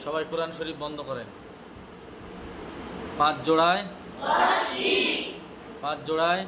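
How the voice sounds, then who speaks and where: High-voiced male teacher drilling a class. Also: fairly even intonation. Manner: drills students with repeated questions and answers; recites letter names slowly one by one. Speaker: Quran recitation teacher. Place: classroom with students present. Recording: noisy classroom recording.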